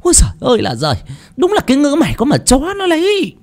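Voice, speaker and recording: A man voicing a sharp-tongued, scolding middle-aged mother in a storybook reading. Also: very animated, fairly quick. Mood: exasperated. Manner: shrill, nagging, much higher than the reader.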